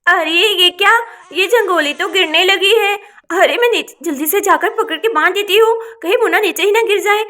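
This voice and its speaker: A woman's voice: very high-pitched, normal speed, hardly any pauses, pushed and bright. A woman voicing a young village woman who frets and pleads while minding her sister's baby in a doll story. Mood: fretful. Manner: fretful, pleading.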